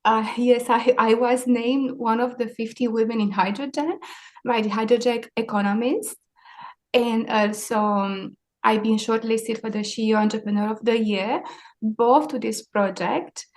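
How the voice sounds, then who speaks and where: A woman in her forties with a Romanian accent speaks in a steady, somewhat high voice, a little slowly. A leader in maritime sustainability, she answers interview questions reflectively and with some hesitation.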